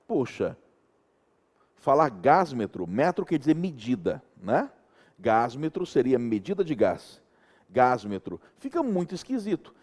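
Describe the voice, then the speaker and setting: A man's voice: mid-range voice, unhurried. A middle-aged Brazilian man teaching a Portuguese grammar lesson, checking in with the students again and again. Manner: animated, checks in with students often.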